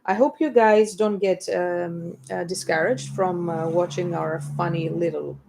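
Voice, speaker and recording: A woman's voice: lowish voice, fairly even intonation, a little slow, gravelly, noisy background. Bickering young woman. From England. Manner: bickering, swears casually. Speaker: band member co-hosting a stream. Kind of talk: casual banter.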